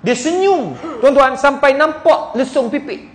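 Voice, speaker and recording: A man's voice: extremely high pitch, expressive, unhurried. A man with a Malaysian Malay accent preaching and telling a story, often calling out to his listeners and acting out the dialogue. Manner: addresses listeners as "tuan-tuan", acts out dialogue. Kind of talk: sermon storytelling. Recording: echoey hall.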